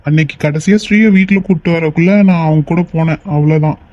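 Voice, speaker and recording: A man's voice: fairly high pitch, steady tone, quick pace, lightly acted. A man voicing a caring young man in a cartoon, reassuring a friend and urgently asking for help. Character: caring young man, older brother figure. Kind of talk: cartoon voice acting. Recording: dull lo-fi recording.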